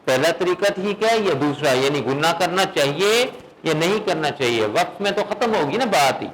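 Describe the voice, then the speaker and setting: A man teaching a recitation class who keeps putting questions to his students, often checks with "okay?", and drills the sounds slowly, one at a time. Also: on the high side, lively intonation, a bit bright, slight background noise, poor audio.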